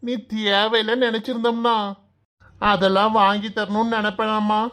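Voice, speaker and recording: A woman voicing a gentle grown son in a Tamil cartoon who pleads with his mother and keeps the peace, with a Kanyakumari Tamil accent. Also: medium pitch, level tone, moderate pace, a little hiss or hum, natural voice. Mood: soothing. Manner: soothing and pleading. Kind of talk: cartoon voice acting.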